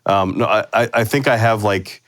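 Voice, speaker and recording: A man from Minnesota, a podcast guest, talking casually about local places in a dry, relaxed storytelling manner. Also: lowish voice, brisk, no echo. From Minnesota, USA. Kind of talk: casual chat.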